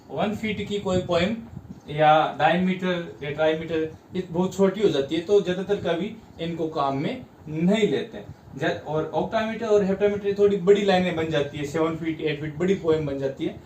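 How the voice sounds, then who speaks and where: A man from India teaching an English class, breaking words into syllables and stressing each one slowly. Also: high voice, darkish tone. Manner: slow, spells out syllables with stress. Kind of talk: classroom lesson. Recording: roomy, distant mic, faint background noise.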